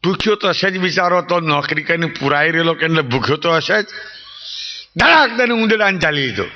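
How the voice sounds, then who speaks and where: High-voiced man preaching, dull lo-fi sound. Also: expressive, brisk. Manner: rhetorical questions to the audience, swooping emphatic delivery. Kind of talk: religious storytelling sermon. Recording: dull lo-fi recording.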